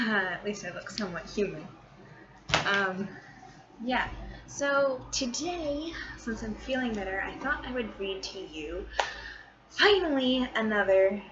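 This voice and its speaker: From a small bedroom at home, a woman who vlogs and writes amateur short stories rambles in a scattered, informal, self-deprecating way. Her medium-pitched voice is expressive and slow. A running fan makes the recording muffled and noisy.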